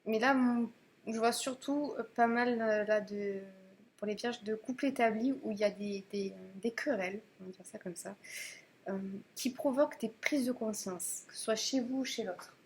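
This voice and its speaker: A woman's voice: on the high side, normal speed, a little hiss or hum. A woman giving a casual tarot reading to camera, chatty and hesitant, with many fillers and restarts. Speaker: tarot reader.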